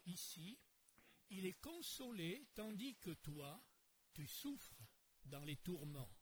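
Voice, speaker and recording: A man voicing the patriarch Abraham, answering in a measured, solemn, admonishing way in a dramatized Bible story. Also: high-pitched, a little hiss or hum, rough recording. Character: old patriarch Abraham, calm and firm.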